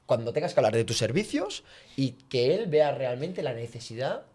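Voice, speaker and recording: Animated man coaching communication. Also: moderate pace. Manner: animated, acts out quoted speech with big pitch jumps. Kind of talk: podcast conversation, teaching.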